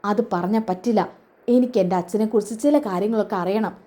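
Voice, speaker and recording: A woman's voice: medium pitch, quick pace, warm tone, natural voice. A woman voicing a secretive, insistent young adult son in a retold serial story.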